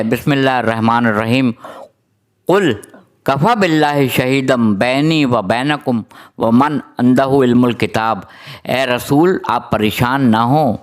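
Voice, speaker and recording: A man delivering a religious sermon, reciting long lists of titles in a steady rhythm and explaining Arabic terms to his listeners. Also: medium pitch. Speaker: religious speaker.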